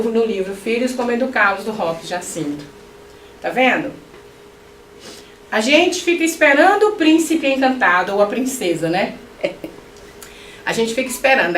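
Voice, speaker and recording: A middle-aged woman with a high voice gives an animated spiritist lecture, throwing joking asides to her audience. She sounds set back from the mic in a roomy hall, with a faint hum of ambience. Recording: echoey hall, mic at a distance.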